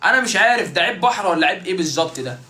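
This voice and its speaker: A man's voice: high-pitched, expressive, very fast, background noise. A man with an Egyptian Arabic accent doing a joking, playful comic monologue to his viewers. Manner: joking, playful, mimics street vendors. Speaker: content creator.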